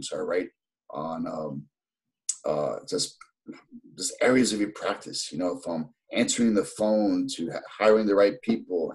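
A man in his fifties with a deep, slightly mellow voice, heard in a low-quality recording. He's a New York City podiatrist with a New York accent, chatting casually on a video call from an indoor office, rambling with many fillers and restarts and laughing easily.

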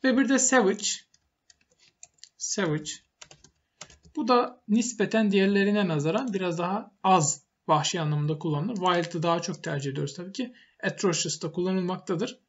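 A man's voice: high-pitched, lo-fi sound. A man teaching English vocabulary, explaining each word step by step and repeating it for emphasis, with typing on a keyboard. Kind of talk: vocabulary lesson while typing.

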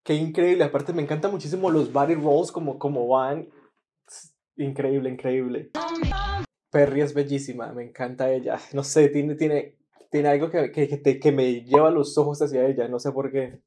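A man's voice: medium pitch, steady tone, moderate pace, mellow, slight background noise. A man hosting a casual reaction video, enthusiastic and often repeating words as he searches for them.

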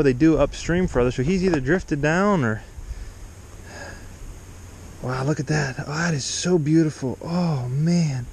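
Excited man fishing by a stream. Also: a little high, a little hiss or hum. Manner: enthusiastic, exclaiming, laughing often. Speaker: outdoors vlogger. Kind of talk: excited outdoor vlog commentary. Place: outdoors by a mountain stream. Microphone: chest-mounted action camera.

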